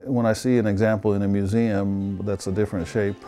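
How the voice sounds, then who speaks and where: A man from Sweden who builds instruments, explaining his work in an interview in an unhurried way with fillers. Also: on the low side, level tone, mellow, faint music behind. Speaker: instrument maker.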